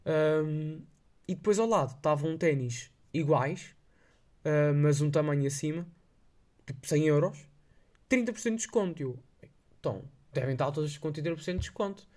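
Young Lisbon man, higher-pitched voice, rambling chat. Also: normal speed, darkish tone. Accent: Lisbon Portuguese. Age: young adult. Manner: slangy, rambling, hesitant delivery. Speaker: podcast host. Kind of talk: casual solo chat, telling anecdotes.

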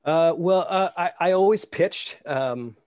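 On a dry recording, a man with a higher, slightly mellow voice speaks at a measured pace. He's an amateur baseball pitcher from New York, a guest in a flat in Scotland, telling wandering anecdotes and hesitating with many fillers.

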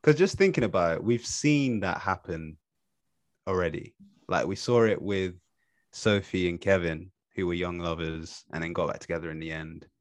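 A man's voice: sits low, normal speed, no room sound. A man chatting casually as a podcast host, informal and questioning. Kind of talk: casual chat.

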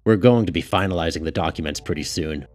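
A man's voice: deep voice, fast, lightly acted. A man voicing an earnest husband and family man in an audiobook.

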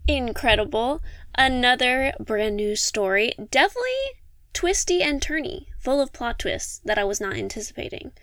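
Upbeat podcast host woman, fairly high voice. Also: sing-song, a bit bright, no room sound. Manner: upbeat, chatty, quick to cheer others on. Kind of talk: casual chat.

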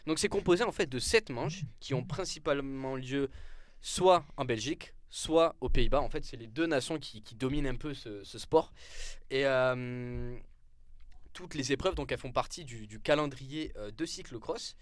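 Young man, sports columnist, relaxed radio banter, halting delivery with fillers and restarts, self-mocking, voice sitting mid-range for a man. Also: mid-range voice, no echo. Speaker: sports columnist on a club show. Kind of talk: casual live radio chat.

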